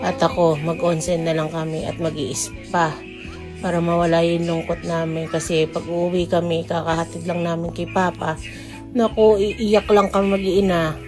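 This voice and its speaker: A woman's voice: fairly low pitch, flat delivery, normal speed, over music. A woman and mother chatting casually to her viewers in a vlog, often calling them guys. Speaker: vlogger mother.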